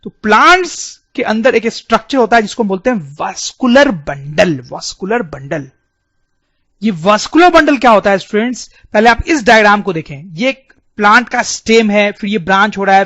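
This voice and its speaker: Man, high voice, explains over diagrams, repeats key words; lo-fi dry recording. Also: fairly bright tone, no room sound. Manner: repeats key terms, keeps addressing students. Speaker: teacher. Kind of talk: biology lesson over diagrams. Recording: dull, dry lo-fi sound.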